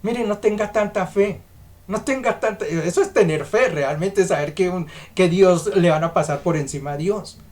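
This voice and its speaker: A man's voice: sits high, moderate pace, a little mellow. Preacher guy giving a sermon, emphatic, keeps asking the church questions. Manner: emphatic, asks the congregation rhetorical questions.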